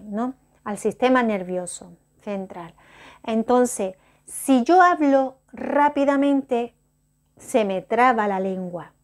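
A middle-aged woman, chatting slowly and deliberately to her viewers, often stopping to correct herself. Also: fairly high pitch, darkish tone. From Spain. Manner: slow, careful, deliberate speech; chatty, self-interrupting. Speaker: vlogger. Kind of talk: casual talk to camera.

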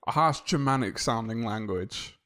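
A man co-hosting a podcast, making quick, wry remarks in casual chat. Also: medium pitch, a bit bright. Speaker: podcast co-host.

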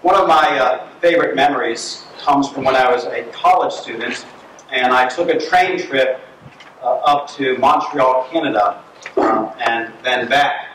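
A man's voice: medium pitch, slight background noise. A man preaching a sermon in a church, telling stories animatedly with fillers and restarts. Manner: storytelling, animated, with filler words. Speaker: pastor. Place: church sanctuary. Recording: very echoey room, distant mic.

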